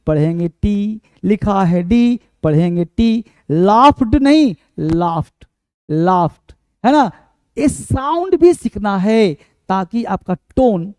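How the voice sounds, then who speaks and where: A male teacher with a high voice runs an energetic spoken-English lesson, coaxing his students and repeating words to drill pronunciation. He sounds close and dry, with no room around him. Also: smooth, no echo.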